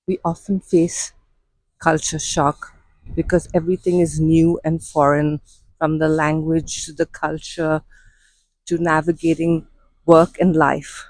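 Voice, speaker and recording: A vlogger and coach with an Indian English accent walks along outdoor city streets, explaining things to the camera in a measured, unhurried way. Her voice is on the low side and darkish in tone, with no room sound but poor audio quality.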